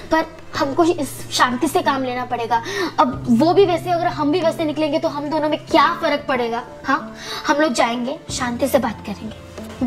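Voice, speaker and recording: Worried, pleading doll-story mother, voiced by a woman, very high voice, faint music behind. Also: lightly acted. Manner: pleading, soothing, urgent. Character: worried pleading mother defending her small daughter. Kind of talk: doll-story role-play.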